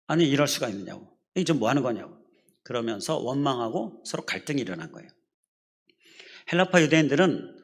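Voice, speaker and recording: A man's voice: a little high, fairly bright tone. A middle-aged man preaching a sermon as pastor, explaining scripture step by step and asking the congregation questions. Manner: leads the congregation in repeating phrases.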